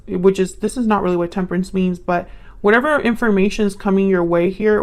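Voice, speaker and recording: A woman's voice: mid-range voice, darkish tone. A young woman reading tarot cards casually, musing aloud as she pulls cards. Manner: musing, thinks aloud while pulling cards. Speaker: tarot reader.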